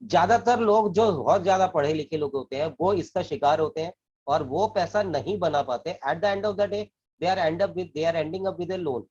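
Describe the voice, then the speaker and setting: A man's voice: on the high side, a little slow, darkish tone, husky. A man working as a financial advisor, earnestly explaining saving and investing, often repeating and restarting his phrases. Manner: earnest, repeats and restarts phrases, mixes English terms into Hindi. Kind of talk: explanatory talk to camera. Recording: dull lo-fi recording.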